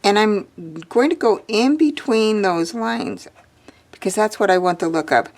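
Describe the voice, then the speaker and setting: A woman's voice: medium pitch, a little slow, a little mellow. A woman teaching a drawing lesson, chatting and thinking aloud as she draws, with the hiccups. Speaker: art teacher.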